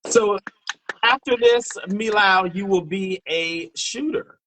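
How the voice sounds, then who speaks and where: A man's voice: high voice, takes it slowly, a bit bright, slight background noise, low-quality recording. A man hosting a dating show over a video call, bantering playfully and teasing his guest. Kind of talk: casual live-stream chat.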